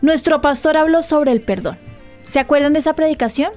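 A woman's voice: sits high, brisk, a little mellow, faint music behind. A woman pastor hosting a church program, teaching earnestly and often turning to her listeners with questions. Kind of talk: church radio teaching talk.

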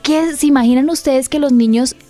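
Earnest high-voiced woman preaching to listeners. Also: fairly quick, mellow, soft background music. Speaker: pastor and program host. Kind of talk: church radio teaching talk.

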